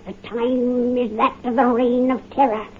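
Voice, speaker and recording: A woman's voice: on the high side, level tone, normal speed, background noise, lightly acted. A woman voicing a cackling 103-year-old witch who tells a horror story on a 1930s radio drama, heard through a dull old recording. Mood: gleeful, sinister. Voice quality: cackling, drawling.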